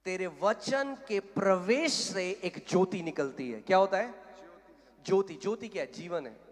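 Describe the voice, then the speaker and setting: A blunt, straight-talking pastor from India preaches a sermon with a fairly high voice. His words ring out with a long reverb, as in a large hall. He builds from plain talk to fervent, loud calls. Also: expressive, a little slow. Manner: blunt and direct, rising to fervent shouting.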